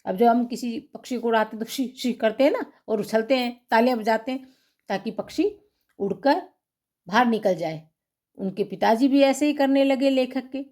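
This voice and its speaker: A woman's voice: fairly high pitch, moderate pace, darkish tone. A woman teacher reading a textbook story aloud and then explaining each passage in simple words.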